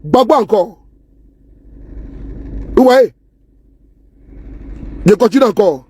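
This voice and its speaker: A man's voice: high voice, lively intonation, slow pace, darkish tone, slightly rough. A man giving casual, scornful political commentary to camera, repeating himself and asking viewers if they see. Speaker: political vlogger. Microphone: phone or camera he handles himself.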